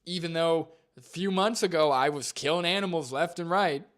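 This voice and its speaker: A man's voice: fairly high pitch, moderate pace, a bit bright, voice pushed up, lightly acted. A man putting on a sarcastic, sing-song voice to mock a smug, breezy young man.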